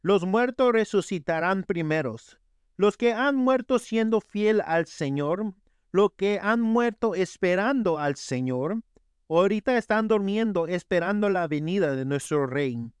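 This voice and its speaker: A man's voice: sits high, expressive, a little slow, clear, resonant tone, dry recording, studio quality. A man preaching a sermon in Spanish, telling a story earnestly and crying out the voices of the people in it.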